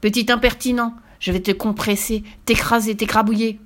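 A woman voicing a vain, furious old witch in a children's storybook reading, with theatrical, shrill, drawn-out gloating. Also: lively intonation, natural voice. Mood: menacing.

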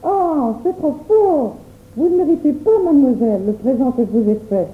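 A woman's voice: high-pitched, animated, moderate pace. A stern mother who scolds sharply and demands answers, voiced by a woman reading a story. The recording sounds thin and narrow, like a phone call. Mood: furious. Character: stern, quick-tempered mother. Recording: tinny phone-like audio.

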